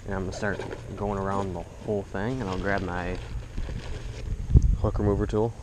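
A young man filming himself bass fishing at a pond, chatting to viewers in slangy, excited bursts. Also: normal speed, background noise. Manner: excited, slangy, talks to viewers as bro and dude. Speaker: fishing vlogger. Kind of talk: casual commentary while fishing. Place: outdoors by a suburban pond. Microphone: head-mounted action camera.

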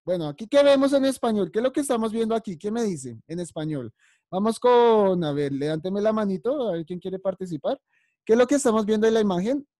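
Woman, preschool teacher, encouraging and patient, mellow voice, dry close sound. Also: mid-range voice, lively intonation, brisk, no room sound. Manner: patient, encouraging, calls on children by name. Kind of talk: online class teaching vocabulary.

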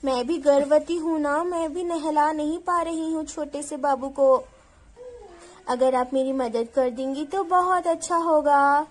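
A woman's voice: high voice, measured pace. A woman voicing an anxious, pregnant young village woman in a cartoon doll story, pleading and fretful.

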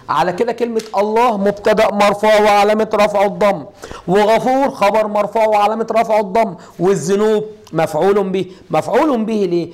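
High-voiced Egyptian man teaching grammar. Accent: Egyptian Arabic. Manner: explains step by step with repeated rhetorical questions to students. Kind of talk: classroom lesson at a whiteboard.

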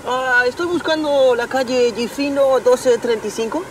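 A man's voice: very high-pitched, normal speed. An actor playing a stubborn young pizza delivery boy, insistent and repetitive, in a comedy series. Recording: very noisy street with siren.

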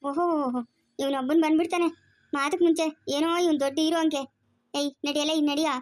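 A woman voicing a scheming, greedy middle-aged father in a cartoon, rough and taunting. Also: high voice, steady tone, fast talker, a little mellow, lightly acted. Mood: bullying. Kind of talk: cartoon voice acting.

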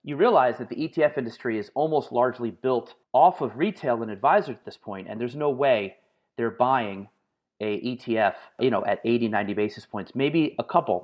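A man being interviewed on a podcast, answering in long, lively stories with frequent fillers. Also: mid-range voice. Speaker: guest, market analyst and author.

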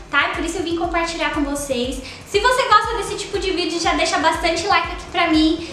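In a very echoey small room with a sofa and faint noise, a young Brazilian beauty vlogger in her twenties reviews products with great enthusiasm. Her voice is very high-pitched and sharp, and her chatty Brazilian Portuguese is full of tag questions and fillers such as "tá?" and "ó".

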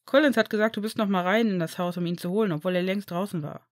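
A woman voicing a young male healer who scolds his injured friend in a brisk, worried way, read from a fan fiction story. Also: medium pitch, fairly even intonation, no room sound, clean studio sound, natural voice. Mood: scolding.

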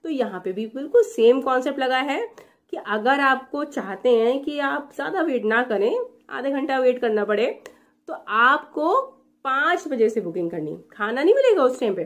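A woman's voice: sits high, expressive, moderate pace. A woman in her thirties from India, chatting sarcastically to a phone camera in a small room, slipping English phrases into her talk. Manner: gestures with her hands as she talks. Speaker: vlogger. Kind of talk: casual review vlog.

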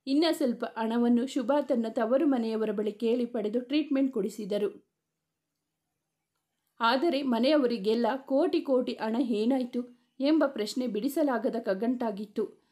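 A woman reading a dramatic family story aloud in a steady narrating voice. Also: a little high, a little slow.

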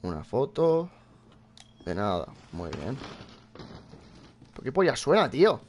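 A man's voice: mid-range voice, huge pitch swings, slow, a little hiss or hum. A young man with a Spain Spanish accent giving casual live commentary as he plays a horror game, swearing often and speaking to his viewers. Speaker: gameplay streamer.

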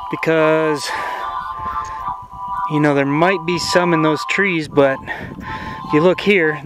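A middle-aged hiker films his own backcountry trip on a snowy mountain ridge, narrating casually to a handheld camera held at arm's length. His slightly high voice runs a relaxed, unhurried commentary full of fillers. The audio is poor, with background music over his voice.

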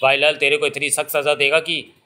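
Male reader doing a stern, scolding older temple woman, bright and hard. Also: on the high side, flat delivery, fairly quick. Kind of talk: audiobook reading.

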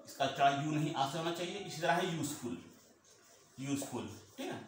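Male teacher, fairly high lively voice, drills points by repeating them, recorded in a very echoey room with faint noise. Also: fast. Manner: repeats points, asks and answers own questions. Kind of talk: classroom lesson.

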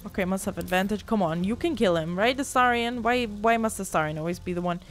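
A fast-talking woman of medium pitch hosts a let's-play of a role-playing game over game music. She teases, grumbles, and swears at her party in a casual way.

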